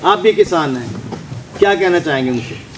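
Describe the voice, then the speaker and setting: A man's voice: fairly high pitch, lively intonation, moderate pace, a little hiss or hum, poor audio. A male news reporter asking probing questions at a press conference.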